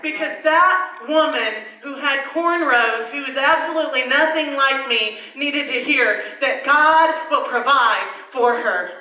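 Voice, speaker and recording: A woman's voice: sits high, unhurried, hardly any pauses, sharp tone. A woman pastor telling a personal story in a sermon at a women's conference, chatty and often laughing. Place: conference hall. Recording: echoey hall mic from far off.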